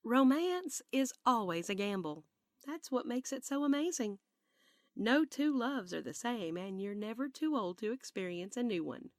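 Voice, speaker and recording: A woman voicing a spirited, sweet elderly grandmother with a Southern accent, speaking in a lively, drawn-out, sing-song way. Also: a little high, no echo, clean studio sound, pitched above the performer's own voice. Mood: encouraging. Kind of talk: audiobook character voice.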